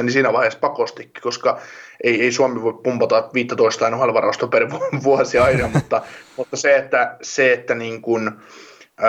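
A man's voice: medium pitch, a bit bright, highs cut off. A man talking hockey in a casual podcast chat, rambling with many restarts and fillers.

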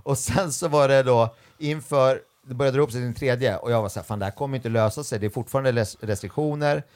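Young male comedian guest, casual anecdotes, animated quoting, mid pitch. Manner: animated, acts out quoted voices. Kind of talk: casual storytelling chat.

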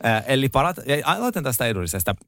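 A man's voice: mid-range voice, sing-song, creaky, a bit bright. A man co-hosting a podcast in casual chat, enthusiastic and swearing casually. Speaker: podcast co-host.

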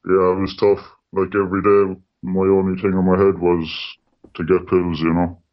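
Man with deep disguised, distorted voice. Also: monotone, moderate pace. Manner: plain, matter-of-fact, frequent "like" and "you know". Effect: voice disguised by a distortion filter, deep. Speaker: anonymous interview guest. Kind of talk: radio interview. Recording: dull lo-fi sound.

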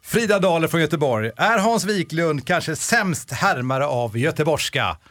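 A middle-aged man hosting a podcast, chatting in a lively, upbeat way and reading out listener questions. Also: a little high, dry recording. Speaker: podcast host. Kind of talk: casual chat.

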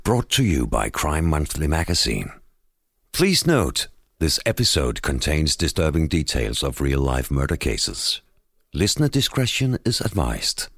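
A man's voice: rumbling low, huge pitch swings, a little slow, vocal fry, breathy edge, no room sound, studio quality. A man announcing and narrating a scripted true crime podcast. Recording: loud music under the voice.

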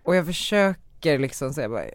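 Young man, slightly high voice, casual storytelling, filler-heavy talk, dry close sound. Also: no room sound. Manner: animated storytelling, many fillers. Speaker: guest, author. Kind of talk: casual conversation.

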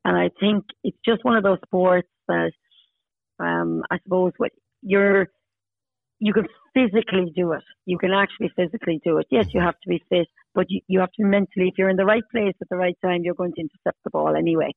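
A woman's voice: on the low side, a little fast, gravelly, dry recording. A woman in her fifties with an Irish accent from Munster, chatting emphatically in a casual interview, often repeating herself for stress. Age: 50s. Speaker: podcast guest, Masters hockey player. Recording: tinny phone-like line.

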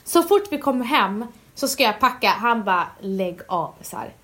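Woman cohost chatting, tells stories all animated, does everyone's lines. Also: fairly high pitch. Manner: animated storytelling, acts out quotes. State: pregnant. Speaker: podcast co-host. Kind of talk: casual chat.

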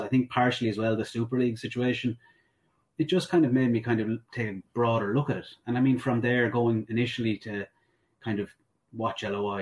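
Hesitant low-voiced west of Ireland man. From Sligo, west of Ireland. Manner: hesitant, rambling, self-correcting. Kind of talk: casual football discussion.

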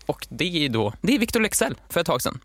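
A man's voice: on the high side, no room sound. Dry-voiced young man telling a story. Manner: animated storytelling, mock-dramatic. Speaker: podcast co-host. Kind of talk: casual chat.

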